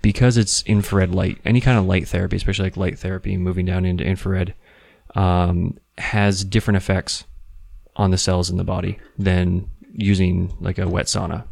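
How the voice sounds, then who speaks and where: A man's voice: deep voice, little pitch movement, moderate pace, creaky, darkish tone, no room sound, clean studio sound. A man talking casually and explaining things as a podcast co-host.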